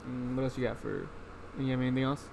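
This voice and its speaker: A young man in casual podcast chat, excitable and quick to swear. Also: mid-range voice, vocal fry, slight background noise.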